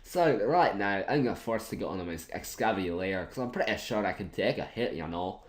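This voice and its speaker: A man's voice: lowish voice, expressive, normal speed. A man giving casual commentary over an online game battle, thinking aloud in a chatty, self-mocking way. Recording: roomy echoey room.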